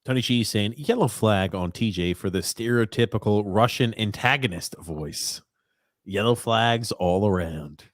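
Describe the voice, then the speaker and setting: Low-voiced man reading listener comments, dry sound. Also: unhurried, no room sound. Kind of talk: casual sports chat, reading comments aloud.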